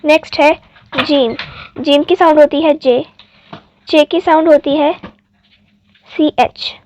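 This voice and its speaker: Slow, high-voiced woman teaching letters. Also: fairly even intonation, darkish tone, muffled recording, a little hiss or hum. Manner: spells out letters one by one, patient and deliberate. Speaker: Urdu teacher. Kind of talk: slow alphabet lesson.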